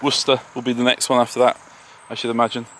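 An English-accented man talks his way around his garden and orchard in a relaxed, self-deprecating ramble. His voice is bright and forward. Faint tractor noise hums in the background outdoors. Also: medium pitch, quick pace. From England. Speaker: homesteader vlogger. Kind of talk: casual walk-and-talk tour. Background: distant tractors and farm vehicles.

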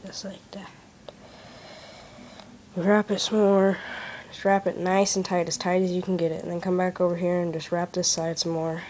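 A woman's voice: lowish voice, flat delivery, moderate pace, long pauses, a little mellow, a little hiss or hum. A woman giving a casual step-by-step how-to explanation at a desk in a small room, recorded on a handheld phone. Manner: plain, step-by-step instructive talk. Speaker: craft demonstrator.

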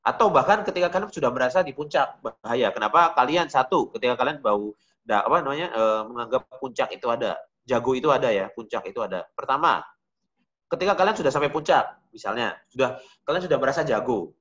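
A man's voice: mid-range voice, lively intonation, quick pace, fairly bright tone, lo-fi sound. A man teaching a beginner digital painting class, talking casually and directly to his students. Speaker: art teacher.

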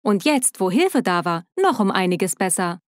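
A woman narrating her own story in the first person in a steady, scripted storytelling manner. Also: mid-range voice, moderate pace, dry recording.

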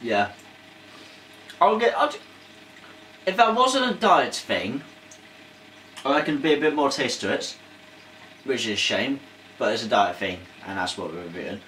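Laid-back man, lively voice. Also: medium pitch, a little slow, pauses often. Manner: laid-back, dry joking. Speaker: food review co-host. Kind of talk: casual taste-test banter. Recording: echoey room, faint noise.

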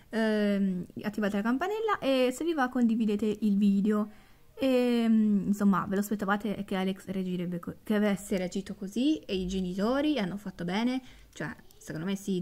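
A woman's voice: medium pitch, a little mellow. A woman hosting her storytelling channel, chatting casually to viewers in the outro. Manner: chatty, friendly asides to viewers.

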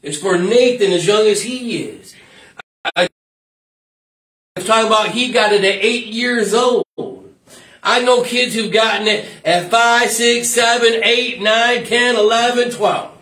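A man's voice: sits high, a little slow, pushed and bright, distant mic. A man preaching an informal sermon as pastor, repeating phrases and breaking off into asides. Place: church. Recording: echoey room, mic from afar.

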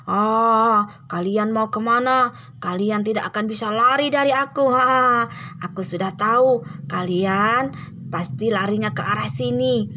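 A woman voicing a huge menacing giant who hunts children, talking slowly and gloating with booming laughs in a cartoon game drama. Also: sharp tone.

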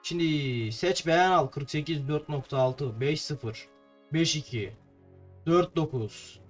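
A man's voice: fairly high pitch, unhurried. A young man from Turkey giving playful, chatty gameplay commentary to his viewers, a little tongue-tied. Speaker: gameplay streamer. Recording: faint game music behind.

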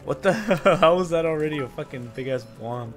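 A man's voice: on the high side, expressive, brisk, soft background music. A man hosting a gaming stream, reacting with crude jokes and swearing. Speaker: streamer host. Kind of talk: casual gaming stream chat.

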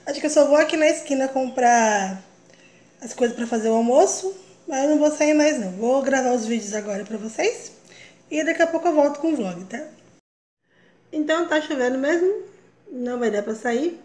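Talking to her followers in a relaxed way, this young vlogger and mom describes her day around the house. She speaks at a normal speed in a high, somewhat mellow voice full of animation.

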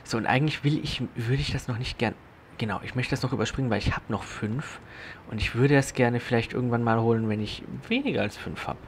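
A man's voice: mid-range voice, quick pace, a little hiss or hum. Chatty young man narrating his gameplay. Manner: chatty self-talk with sudden loud exclamations. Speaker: let's play host. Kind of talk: casual gameplay commentary.

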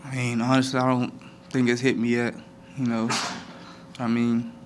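A young man, a college football player, answering postgame press conference questions at a table microphone, measured and full of "I mean" fillers. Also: medium pitch, completely flat delivery, noisy background. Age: young adult.

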